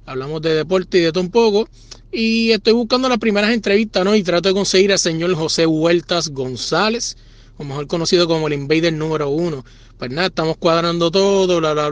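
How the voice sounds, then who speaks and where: A man's voice: fairly high pitch, dry recording. A man with a Puerto Rican accent casually telling a crude, self-mocking story as a listener sending in to a podcast. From Puerto Rico.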